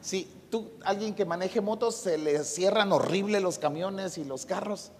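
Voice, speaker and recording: A man's voice: high-pitched, measured pace, slight background noise. A middle-aged man, preaching a conversational sermon with storytelling and humorous asides. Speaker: pastor. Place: church. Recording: long hall reverb.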